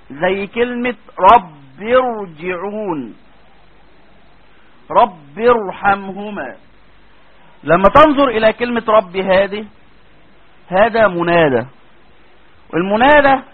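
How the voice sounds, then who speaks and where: A man's voice: sits high, slightly rough. A man with an Egyptian accent giving a classroom lecture as a teacher, speaking colloquially and often checking with his students. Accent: Egyptian Arabic. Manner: colloquial, keeps asking students check questions. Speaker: tajweed teacher. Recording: tinny phone-like lo-fi audio.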